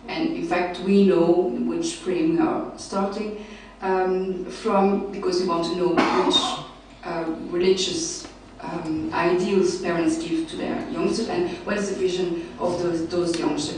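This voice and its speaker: Speaking a little slowly in a fairly low, fairly even voice, a Belgian researcher hesitates through her summer school conference talk with many fillers and restarts. She sits at a panel table in a large lecture hall. Recorded from a table mic by a far camera, the audio is very echoey and distant, with a little hiss or hum.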